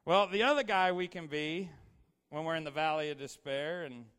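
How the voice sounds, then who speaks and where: Guy giving a chatty sermon, kinda high voice, lots of you-knows, long echo of a big hall. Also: normal speed, fairly bright tone, clean tone. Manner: casual, storytelling, asks the audience questions; filler-heavy, repeats "you know". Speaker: preacher. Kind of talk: conversational sermon. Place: large hall with slides.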